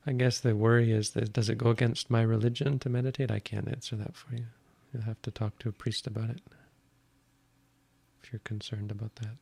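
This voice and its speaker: A male Buddhist monk with a low, steady voice that barely rises or falls and carries a gravelly rasp. He answers audience questions plainly and frankly, with a dry, self-deprecating wit. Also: fairly quick, dry recording. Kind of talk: live question-and-answer session.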